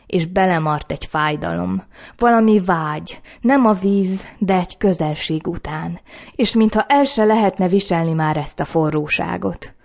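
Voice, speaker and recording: A woman reading a novel aloud as audiobook narration, with calm, measured storytelling. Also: on the low side, creaky. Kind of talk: scripted narration.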